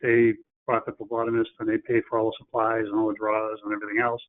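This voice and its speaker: A man's voice: lowish voice, completely flat delivery, fast. Plain-spoken man on phone-like audio. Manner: plain-spoken, practical, restarts phrases. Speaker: webinar presenter. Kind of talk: conversational webinar presentation.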